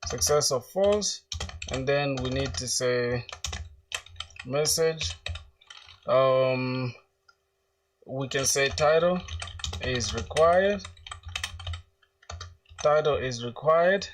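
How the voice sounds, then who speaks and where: A man's voice: mid-range voice, extremely slow, pauses often, distant mic, background noise. A young man from South Sudan live-streaming his coding, thinking aloud as he types and reading viewers' chat questions aloud in casual slang. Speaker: coding livestreamer.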